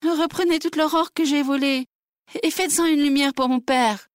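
A woman voicing a proud, defiant young girl from a fairy tale, high and insistent. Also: steady tone, normal speed, no room sound, studio quality, natural voice. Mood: pleading.

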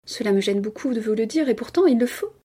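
Woman reader doing a high, pleading, trembling society lady in an audiobook; mellow and breathy. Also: lively intonation, fast talker. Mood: anxious, insistent. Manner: pleading, stammering. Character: anxious, tormented high-society woman under hypnosis.

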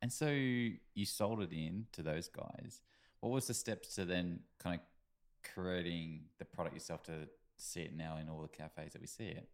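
Very deep-voiced woman host asking questions. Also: normal speed. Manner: encouraging, with frequent short backchannels. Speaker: podcast host. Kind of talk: casual interview questions.

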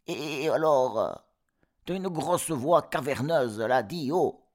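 Man doing bratty shouting goat kids. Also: high voice, fairly even intonation, a little slow, pitched above the performer's own voice. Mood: mocking. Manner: cheeky, shouting, slangy. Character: seven cheeky young goat kids. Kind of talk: comic storybook reading.

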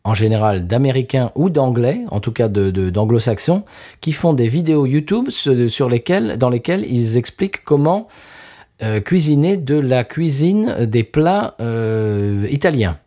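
A man co-hosting a relaxed conversation at a middle pitch, his voice rising and falling in a lively way. He stammers and restarts often as he talks. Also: measured pace. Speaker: podcast co-host. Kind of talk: casual chat.

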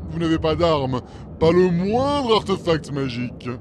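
A man's voice: a little high, sing-song, unhurried, background noise. A man playing a menacing, haughty wizard villain in a fantasy parody, speaking in formal, theatrical threats. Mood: haughty menace. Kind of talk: parody fantasy cartoon acting. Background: music.

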